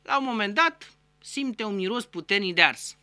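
Lively, bright-voiced host telling jokes. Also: medium pitch, smooth, no echo. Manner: acts out joke characters with raised voice. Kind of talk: casual joke-telling monologue.

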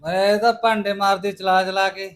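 A man's voice: sits high, little pitch movement, fairly quick, close to an everyday voice. Actor as a stubborn drunk Punjabi husband and father, grumbling and defiant. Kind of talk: Punjabi short film acting.

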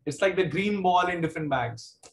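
Brisk and animated, a high-pitched man with a South Indian accent teaches maths in a casual online class, bantering and joking with students. He is in an indoor room on a video call. The audio comes across as echoey and roomy.

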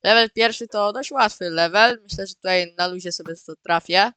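Excitable guy hosting his own game video, talks to viewers a lot, kinda high, sharp bright voice. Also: moderate pace, smooth, no echo. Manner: excitable, repeats words, often calls out to viewers. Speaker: gaming video host. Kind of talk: casual gameplay commentary.

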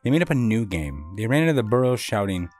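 A man reading a children's storybook aloud in a calm, gentle way. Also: on the low side, fast talker, faint music behind.

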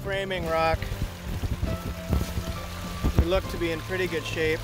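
A man's voice: a little high, level tone, measured pace, loud music behind the voice. A man giving a plain, practical walkthrough outdoors by a backyard stream, thinking aloud while filming on a handheld phone. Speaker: water feature installer. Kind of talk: walkthrough narration while inspecting. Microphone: handheld phone camera.

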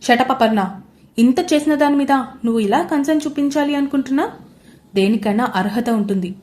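A woman's voice: fairly high pitch, animated, normal speed, a little mellow, close to an everyday voice. A woman voicing an arrogant, domineering young husband who speaks in curt commands. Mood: angry.

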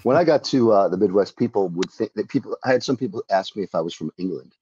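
A man's voice: fairly low pitch, fast, dull audio, a little hiss or hum. A man from Long Island, a video game translator, talking casually as an interview guest with many fillers. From Long Island, New York. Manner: relaxed, hesitant with fillers, playful.

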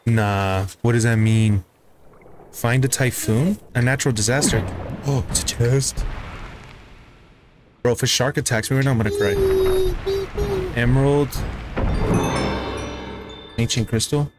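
A young man giving casual, excitable commentary as he plays a video game, talking to himself about what he sees. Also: mid-range voice, a little slow, pauses often, noisy background. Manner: chatty and excitable, talks to himself while playing. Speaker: gaming YouTuber. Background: game music.

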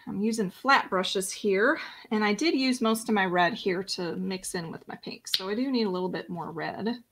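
This painting teacher's voice is medium in pitch, a touch bright and husky, delivered at a moderate pace. She hosts an informal live-streamed lesson, chatting away and talking to herself while she paints.

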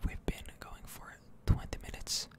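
A video game streamer who hosts a channel whispers breathily without voicing, offering calming ASMR commentary and stretching words out slowly.

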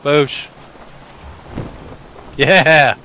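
A man with a bright, forceful tone who talks slowly and drawls through his lines while gaming with a friend. He gets excited easily and laughs a lot. Faint hiss sits behind him on the chat line. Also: a little high, low-quality recording. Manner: excitable, slow-talking, laughs often. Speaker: co-player. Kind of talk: casual gameplay chat.

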